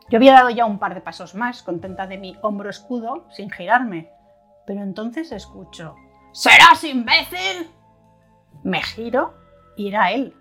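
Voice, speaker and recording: A woman reading a first-person story in a wry, conversational narration, now and then acting out angry outbursts. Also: mid-range voice.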